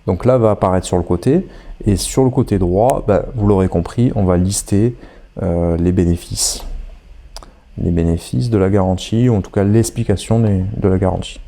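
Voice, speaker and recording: In a mellow, low voice at a normal pace, a congested man guides viewers step by step through an online course tutorial recorded on screen. His manner is conversational and hesitant, heavy with filler words.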